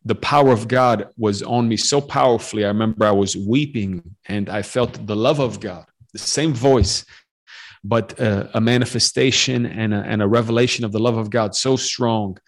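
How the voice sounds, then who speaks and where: A man's voice: lowish voice, normal speed. A man in his forties, born in Romania, telling his faith story as a guest on a podcast call, earnest and full of fillers and restarts. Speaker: guest missionary. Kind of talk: testimony in a podcast interview. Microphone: remote call over the internet.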